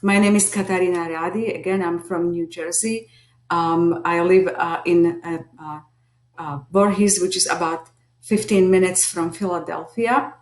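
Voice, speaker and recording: A middle-aged Slovak woman, a teacher lead and behavior analyst, introduces herself to a class earnestly but hesitantly, with a Slovak accent. Her lowish voice is steady and unhurried, recorded in an echoey room.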